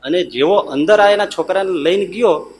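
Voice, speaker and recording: A man preaching as a monk, telling a story in a sermon with a Gujarati accent, dropping softer and lower for the characters' words and rising to emphatic bursts. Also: moderate pace. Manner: acts out the characters' lines in softer, lower tones; rises to emphatic high bursts.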